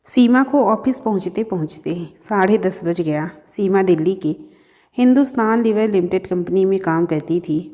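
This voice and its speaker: A woman's voice: medium pitch, expressive, normal speed, dark tone, big-room sound. A woman telling a family story in scripted narration, speaking to her listeners as friends. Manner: reads all characters in her own voice, addresses listeners as friends.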